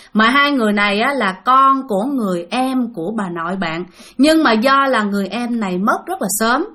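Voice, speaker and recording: A woman's voice: a little high, fairly bright tone. Chatty woman telling a ghost story. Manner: chatty, addresses listeners directly. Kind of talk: spoken ghost story narration.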